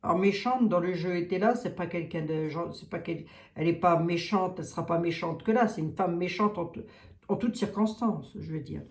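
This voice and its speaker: A woman's voice: fairly low pitch, fairly quick, a little mellow. Woman with a Lorraine accent reading tarot. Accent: Lorraine French. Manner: thinks aloud, questions the cards, many hesitations. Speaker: tarot card reader. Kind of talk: casual tarot reading monologue. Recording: roomy echo.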